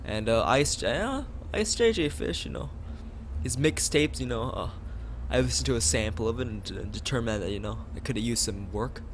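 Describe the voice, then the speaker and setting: Background noise accompanies a young man streaming a visual novel, whose medium-pitched, expressive voice moves at a moderate pace. Reading the game's text aloud in a casual way, he drifts into asides and stumbles over lines.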